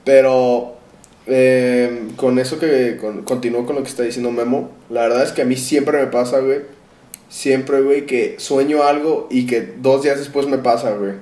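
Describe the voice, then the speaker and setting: A man's voice: medium pitch, moderate pace. Young Mexican man, roomy distant mic. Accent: Mexican Spanish. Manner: slangy, relaxed, full of fillers. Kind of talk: casual chat among friends.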